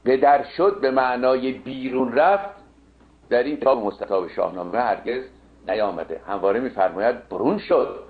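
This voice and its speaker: A man lecturing on classical poetry, chanting verses slowly and correcting the wording point by point. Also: medium pitch. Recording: narrow phone-like sound.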